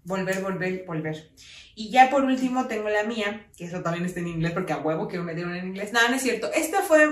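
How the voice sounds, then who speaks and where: A woman's voice: mid-range voice, expressive, fast, distant mic. Mexican woman, podcast co-host, casual and jokey, recorded off-mic in a reverberant room. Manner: laughing, joking, crude slang. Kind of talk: casual chat.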